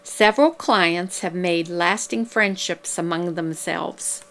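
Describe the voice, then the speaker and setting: A woman reading scripted narration for a promotional video in a measured, explanatory way. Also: fairly low pitch, fairly bright tone, a little hiss or hum.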